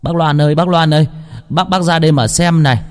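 A man's voice: on the high side, steady tone, fairly quick, big-room sound, pitched above the performer's own voice, close to an everyday voice. Man doing urgent villager, calling out, raised voice, ghost story. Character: breathless villager calling with news.

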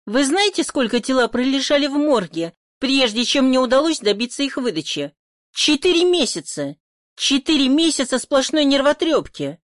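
A woman's voice: on the high side, expressive, moderate pace, no echo, clean studio sound, close to an everyday voice. A woman reading an audiobook voices a haughty, irritable woman who answers sharply and scornfully. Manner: sharp, scornful, snapping back. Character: haughty, irritable middle-aged woman, sister-in-law. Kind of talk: audiobook character voice.

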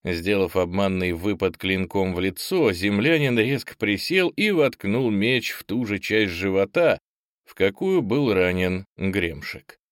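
A man reading a fantasy audiobook in steady, measured scripted narration. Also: lowish voice, dry recording, clean studio sound.

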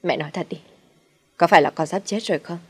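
Audio-story role: unstable ailing young man, acted by a woman, loud, low outbursts. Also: fast talker, husky. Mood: resigned. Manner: shouting, agitated. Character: sickly volatile young husband, fearful of death.

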